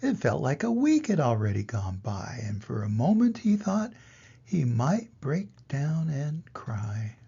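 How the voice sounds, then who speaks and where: An older man, a grandfather, reading a children's story aloud in an expressive grandpa voice to little children. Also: fairly high pitch, vocal fry, slightly rough, dull audio.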